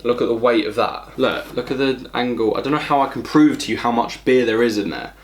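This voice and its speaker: A man's voice: medium pitch, brisk, slight background noise. A man hosting a casual beer review vlog, speaking bluntly, with a lot of swearing and exasperation, at a table. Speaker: beer reviewer, channel host. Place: at home, at a table.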